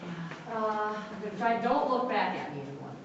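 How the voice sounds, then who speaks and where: A woman's voice: medium pitch, expressive, moderate pace, a little hiss or hum. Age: adult. Sex: woman. Role: cave tour guide. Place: underground cave. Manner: directs the group and points things out with a laser. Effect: cave echo. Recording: echoey cave, far from the mic, dull lo-fi.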